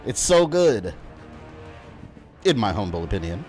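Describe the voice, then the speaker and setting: A man's voice: lowish voice, very animated, unhurried, a little mellow, faint music behind. A man in his thirties chatting casually as a live streamer, fannish and rambling while he plays. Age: 30s.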